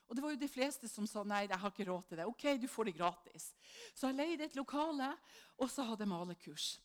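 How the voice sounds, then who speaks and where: A middle-aged woman preaching a sermon, telling a personal story with lively swings in pitch and loudness as she acts out the voices in it.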